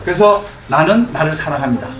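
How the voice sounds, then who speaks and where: High-pitched male teacher, coaxing and lively, drilling a live class; distant mic in a reverberant room. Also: fairly quick, over a noisy crowd. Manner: lively, coaxing, chuckles while explaining. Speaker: English teacher. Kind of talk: live classroom lecture with call-and-response drills. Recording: echoey room recorded from afar, faint ambient noise.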